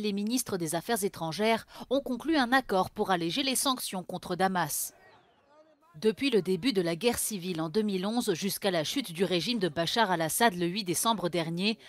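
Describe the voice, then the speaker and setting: A woman presenting news headlines in a clear, steady, scripted delivery. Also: medium pitch, no room sound.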